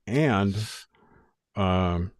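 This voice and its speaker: A man's voice: sits low, animated, drawn-out words, clean tone, no room sound. A man in casual, opinionated discussion, explaining details and adding corrections as he goes.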